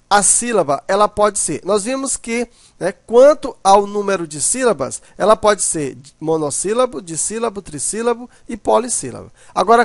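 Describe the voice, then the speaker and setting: A man's voice: sits high, gravelly, no echo. A man teaching a grammar lesson, explaining step by step and often checking in with "né".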